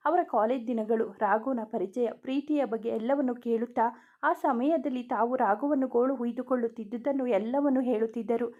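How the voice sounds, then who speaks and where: A woman narrating a romance story in an even, steady reading voice. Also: fairly high pitch, fairly quick. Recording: dull lo-fi recording.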